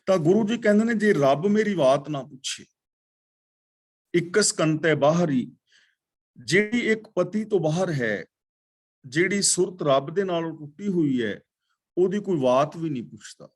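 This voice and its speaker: Man, scripture teacher, slow chanted verses, word-by-word explanation, a little high-pitched. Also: animated. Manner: patient, corrects pronunciation. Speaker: katha teacher.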